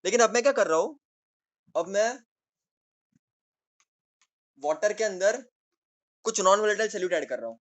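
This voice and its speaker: High-voiced young tutor. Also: male voice, lively intonation, moderate pace, pauses often. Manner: playful, repeats key words, jokey asides. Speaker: chemistry tutor. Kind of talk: casual classroom lecture.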